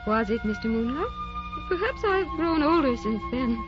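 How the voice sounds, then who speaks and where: Gentle, wistful, high-voiced young wife. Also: female voice, expressive, moderate pace. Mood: tender. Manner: tender, hushed, soothing. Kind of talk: sentimental old-fashioned radio drama acting. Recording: muffled old radio recording with music.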